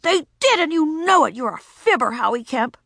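A woman reading aloud, voicing an indignant, proud first-grade girl who shouts and insists. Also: very high-pitched, sing-song, unhurried, dry recording, clean studio sound, voice pushed up, exaggerated voice. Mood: furious.

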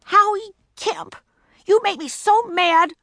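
A woman reading aloud, voicing an indignant, proud first-grade girl who shouts and insists. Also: extremely high pitch, big pitch swings, unhurried, dry recording, studio quality, voice pushed up, heavily acted. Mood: furious.

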